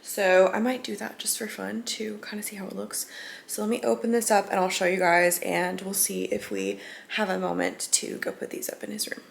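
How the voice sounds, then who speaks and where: A woman's voice: mid-range voice, little pitch movement, normal speed, gravelly, noisy background. A young woman chatting casually in a home vlog, bubbly and gushing, with lots of filler words. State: out of breath at times. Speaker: lifestyle vlogger. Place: home, indoors. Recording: echoey home room.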